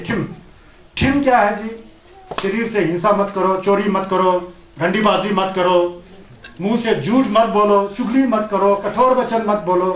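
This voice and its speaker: A man's voice: sits high, a little hiss or hum. A man giving a Buddhist teaching, repeating points and asking rhetorical questions, with Tibetan terms mixed into his talk. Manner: mixes Tibetan terms into Hindi. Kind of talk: Hindi dharma discourse. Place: teaching hall of a Buddhist centre. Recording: roomy echo.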